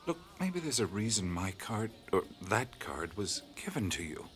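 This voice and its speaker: A man's voice: lowish voice, very animated, moderate pace, fairly bright tone. An actor playing an earnest, baffled, good-natured man in an audio drama, speaking casually and a little hesitantly. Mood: gentle, thoughtful.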